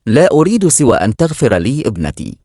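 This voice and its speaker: A man's voice: medium pitch, big pitch swings, fast talker, warm tone, husky, no echo, studio quality. A man reading as a remorseful dying woman. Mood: regretful. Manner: sorrowful confession read aloud. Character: remorseful dying middle-aged woman, repentant.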